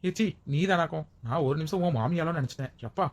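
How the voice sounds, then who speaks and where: A woman voicing a bold village woman who talks in a sharp-tongued, joking way. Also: low-pitched, fast talker, over music, lightly acted. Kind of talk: village comedy skit acting.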